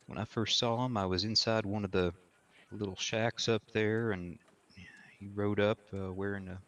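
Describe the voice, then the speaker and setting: Man playing a low-voiced, halting frontier witness. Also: fairly bright tone. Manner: halting, deliberate, formally worded. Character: male frontier witness, armed woodsman, measured and formal. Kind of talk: improvised courtroom role-play testimony.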